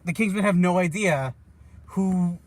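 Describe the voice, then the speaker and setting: A man co-hosting a casual movie podcast, talking in a hesitant, halting way. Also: high-pitched. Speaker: podcast co-host. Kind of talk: casual movie review chat.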